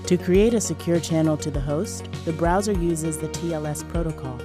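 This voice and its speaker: A woman reading a scripted explainer as narrator, measured and precise. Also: deep voice. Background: background music.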